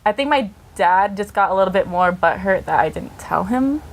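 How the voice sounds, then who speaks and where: A woman's voice: medium pitch, animated, normal speed. A young woman speaking casually as a panel guest in a college TV studio, easygoing and laughing through her words. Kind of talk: casual chat.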